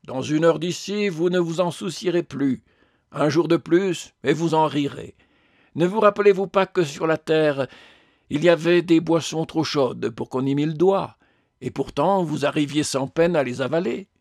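A man voicing a calm, patient spirit. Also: a little high, no room sound, clean studio sound. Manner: calm, measured. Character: calm, patient male spirit, gentle but firm. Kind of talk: audiobook character voice.

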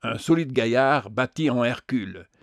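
A man's voice: mid-range voice, lively intonation, normal speed, no echo, lightly acted. A man voicing a small, snobbish, hostile man in an audiobook, speaking with disdain. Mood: sneering. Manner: sniffy, disdainful.

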